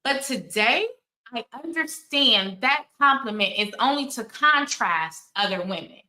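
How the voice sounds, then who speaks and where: A woman's voice: fairly high pitch, animated, measured pace, sharp tone, roomy sound, rough recording. A woman in her forties hosting her own channel, chatting candidly and telling stories with many asides. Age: 40s. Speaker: channel host. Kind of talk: casual commentary chat.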